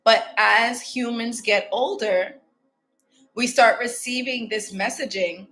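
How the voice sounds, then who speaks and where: A spiritual self-help host from Ghana speaks slowly in a fairly high, slightly bright voice, with soft background music. Her casual motivational self-help talk is candid and reflective, addressed straight to her viewers.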